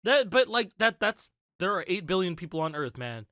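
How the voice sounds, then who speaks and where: A man co-hosting a podcast, talking casually and excitably, full of slang like dude and bro. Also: high-pitched, moderate pace, dry recording, studio quality. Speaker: podcast co-host. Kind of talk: casual chat.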